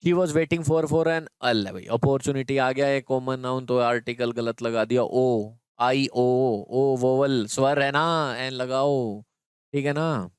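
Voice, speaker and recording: Male teacher, clear voice, dry sound. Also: medium pitch, fairly even intonation, takes it slowly, no room sound. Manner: explains step by step, often checks in with students. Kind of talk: exam prep grammar lesson.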